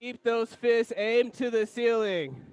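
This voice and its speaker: High-pitched male aerobics instructor, energetic. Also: takes it slowly, clear, resonant tone, dry recording. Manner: energetic, motivational aerobics instructor calling out cues and countdowns. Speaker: aerobics instructor leading a workout class. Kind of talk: fitness class coaching, counted cues.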